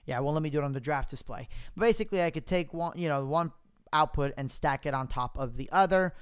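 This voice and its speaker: A man presenting a software demo in a casual live tutorial, informally thinking aloud into a close mic with popping plosives. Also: fairly high pitch, fast, clean tone. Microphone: close mic without pop filter, popping plosives.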